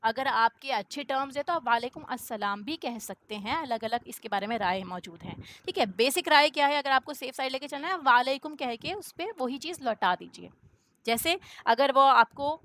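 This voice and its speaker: Woman, religious lesson teacher, higher pitch, explanatory delivery with rhetorical questions and frequent "okay?" check-ins. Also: expressive, a bit bright, slight background noise. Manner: mixes many English words into her speech. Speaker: Islamic teacher.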